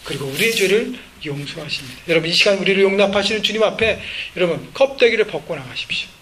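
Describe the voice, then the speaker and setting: High-voiced preaching pastor. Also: male voice, lively intonation, quick pace, fairly bright tone, a little hiss or hum, low-quality recording. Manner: emphatic, rhetorical questions to the congregation. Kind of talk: sermon. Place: church sanctuary.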